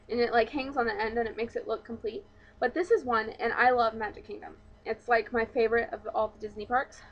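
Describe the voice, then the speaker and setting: Chatty young woman vlogging on lo-fi camera audio. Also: on the high side. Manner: chatty and rambling, with many likes and ums. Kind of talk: casual show-and-tell vlog. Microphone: camera mic.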